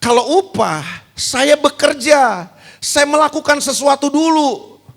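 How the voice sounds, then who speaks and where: A man's voice: very high voice, expressive, slow, creaky, fairly bright tone. A male pastor preaching a sermon. He asks the congregation questions, answers them himself and repeats key words for emphasis.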